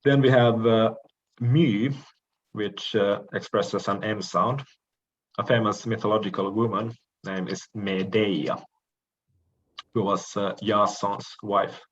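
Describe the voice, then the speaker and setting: Slow, measured male lecturer. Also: fairly low pitch, steady tone, highs cut off, slight background noise. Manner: measured, frequent "uh" pauses, occasional throat clearing. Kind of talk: recorded lecture on the alphabet.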